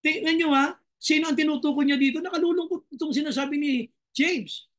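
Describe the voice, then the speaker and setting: A man with a Filipino accent preaching a sermon as pastor, reading verses slowly and then pressing listeners with rhetorical questions. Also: very high-pitched, fairly even intonation, a bit bright.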